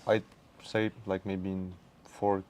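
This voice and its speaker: Lower-pitched man from Morocco. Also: little pitch movement, slow, a crowd in the background. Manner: friendly, lists points, frequent "like". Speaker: embassy education officer, guest. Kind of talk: talk show interview.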